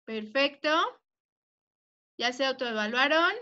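A woman's voice: sits high, slow, pushed and bright. A young woman teaching an online primary class. She spells words out patiently, checks in with "ok?" after each point and speaks fondly to the pupils. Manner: affectionate with pupils. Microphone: computer mic on a video call. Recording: dull lo-fi video call audio.

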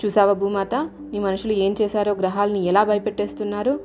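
The Sun, a stern male ruler of the planets, voiced by a woman storyteller, commanding and reproachful. The tone stays mellow, with faint music underneath. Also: mid-range voice, level tone, brisk, lightly acted.

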